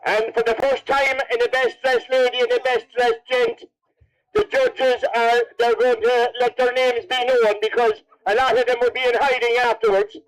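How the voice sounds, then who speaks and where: Irish guy mcing an event, high pitched, jokey, chatting to people on the mic. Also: normal speed, poor audio. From Cavan, Ireland. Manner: jokey, teasing. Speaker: MC of a best dressed contest at horse races. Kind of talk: announcing and interviewing over a public address.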